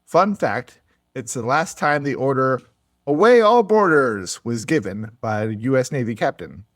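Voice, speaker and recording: A man's voice: mid-range voice, animated, moderate pace, fairly bright tone, no echo, clean studio sound. A man co-hosting a casual podcast, narrating a history story and breaking into jokes and laughter. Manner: laughs often, jokey asides.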